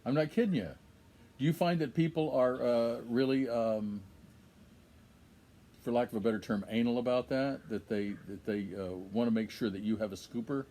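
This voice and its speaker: A man's voice: medium pitch, normal speed, mellow. An older man interviewing a guest, telling long rambling stories full of fillers and hesitations. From Minnesota. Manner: rambling storyteller, many fillers. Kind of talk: casual interview.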